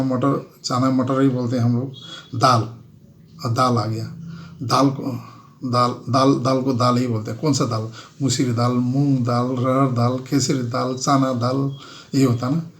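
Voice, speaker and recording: A man from Nepal talks in a relaxed, unscripted way, running through lists of everyday words and saying each one more than once. His pitch sits in the ordinary middle range for a man. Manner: repetitive, listing words and repeating them. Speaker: language explainer. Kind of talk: casual spoken lesson.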